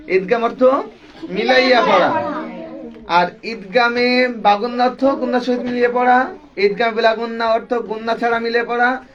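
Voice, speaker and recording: A man teaching Quran recitation rules to a class, drawing out sounds slowly to show pronunciation and quizzing his students. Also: extremely high pitch. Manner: slow, drawn-out demonstrations, quizzing students. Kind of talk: classroom tajweed lesson. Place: classroom with a group of learners. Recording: dull, distant classroom recording with many people.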